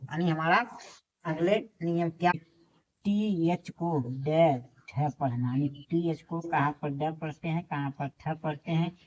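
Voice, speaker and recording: Female teacher, low voice, drills spelling and pronunciation in a lesson, recorded on a dull lo-fi track. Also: a little mellow. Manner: spells out letters one by one, then repeats the correct word. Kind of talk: classroom lesson.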